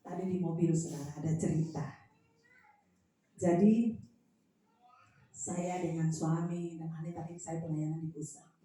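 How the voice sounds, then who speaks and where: Woman preacher in a booming echoey hall. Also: unhurried, long pauses, slight background noise. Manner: lively, animated storytelling with swings in loudness. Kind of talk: sermon. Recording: very echoey hall, mic from a distance.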